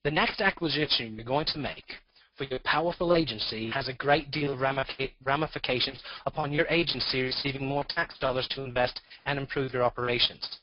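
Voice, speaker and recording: A man's voice: medium pitch, fairly even intonation, fairly quick, dry recording. Presenter, male, voice masked with distortion, formal delivery with dry asides, dull lo-fi call audio. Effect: distorted voice disguise. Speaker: forum presenter. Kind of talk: prepared presentation. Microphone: conference call.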